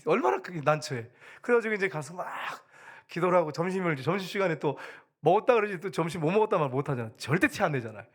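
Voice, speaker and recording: Preaching fast in a church sanctuary, this middle-aged man's slightly high voice swings widely in pitch. His conversational sermon moves from loud calls to the congregation to hushed storytelling, complete with impressions of the characters' voices.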